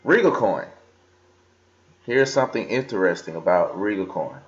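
Sitting indoors at his desk, a young crypto vlogger with a very low, deep voice walks through his screen recording, scrolling and reading aloud at a moderate pace. He's expressive but loose and casual, full of ums, fillers and restarts. A slightly dull computer mic picks him up.

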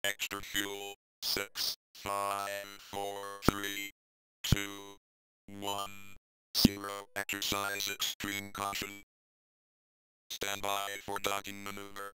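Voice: low-pitched, takes it slowly, pauses often, music in the background, rough recording. A synthesized robotic voice acting as a spaceship computer, announcing alerts in clipped, evenly spaced words. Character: flat computerized spaceship warning voice. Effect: robotic speech-chip voice, stiff and monotone. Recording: old arcade audio with steady hum.

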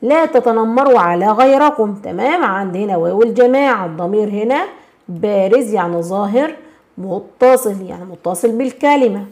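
A woman with an Egyptian accent teaching a grammar lesson, constantly checking in with questions and slowing down to stress example words. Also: mid-range voice, animated, a little mellow. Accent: Egyptian Arabic. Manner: slows and stresses words when reading examples.

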